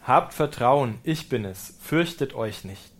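A male priest gives a sermon, reading scripture aloud and then reflecting on it. He explains patiently and calmly, with touches of gentle humor. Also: medium pitch, slow pace. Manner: German-speaking preacher.

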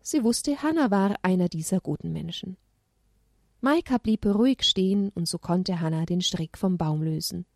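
A woman giving a scripted narration of a children's Bible story in an even storytelling manner. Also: lowish voice, moderate pace, creaky, no echo, clean studio sound.

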